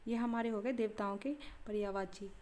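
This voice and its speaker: A young woman teaching an exam prep lesson, listing terms one after another in a steady cadence and checking in with the listener now and then. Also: medium pitch, a little fast, slight background noise. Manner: steady teaching cadence with frequent "theek hai" check-ins.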